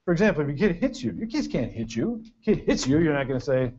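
A man's voice: a little high, sing-song, quick pace, a little mellow, slightly rough. An older man giving a humorous parenting lecture to an audience, with a dry storytelling delivery and punchy lists. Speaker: parenting workshop speaker. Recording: dull lo-fi recording of a talk.

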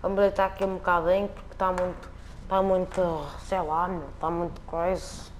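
A man's voice: high voice, level tone, moderate pace, slight background noise. A man with a European Portuguese accent giving joking, slangy commentary while playing a video game. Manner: joking, slangy, repetitive banter. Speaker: gameplay commentator. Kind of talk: casual gameplay commentary.

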